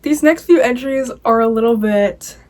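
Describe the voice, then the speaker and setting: Embarrassed teenage girl reading her diary, higher-pitched voice. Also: normal speed, noisy background. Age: teens. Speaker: vlogger. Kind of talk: reading aloud from old diary with casual asides.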